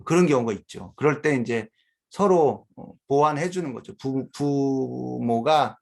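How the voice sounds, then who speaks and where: A middle-aged father of four speaking reflectively at a seminar, with thoughtful pauses. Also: fairly high pitch, expressive, a little mellow. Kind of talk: conversational seminar talk.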